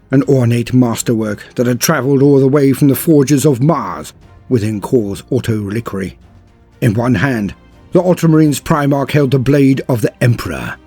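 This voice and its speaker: Here a man delivers dramatic scripted lore, his manner solemn and theatrical as he lingers on words for effect. The voice is medium in pitch, husky and a little mellow.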